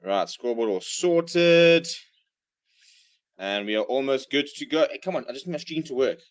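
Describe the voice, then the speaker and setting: Casting: hungover male streamer, medium pitch, informal rugby watchalong chat and commentary. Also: lively intonation, moderate pace. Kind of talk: casual livestream chat and live sports commentary.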